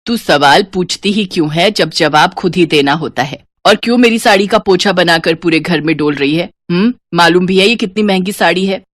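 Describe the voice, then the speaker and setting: A woman voicing a sharp-tongued middle-aged mother who scolds her daughter in a lower voice. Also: moderate pace, few pauses, no echo, studio quality, lightly acted. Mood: scolding. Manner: nagging, scolding.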